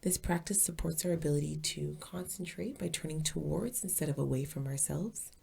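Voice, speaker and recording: Leading a guided meditation, this teacher speaks softly and breathily, keeping everything calm, soothing, and unhurried. Her voice sits low.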